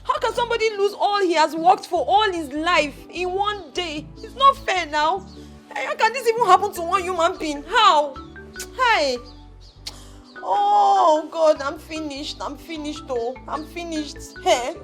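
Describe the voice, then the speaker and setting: An actress with a Nigerian accent playing a distraught young daughter, pleading and emotional, in a film drama. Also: female voice, extremely high pitch, measured pace, fairly bright tone, soft background music. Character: distraught young woman, grieving fiancé's loss. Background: film score.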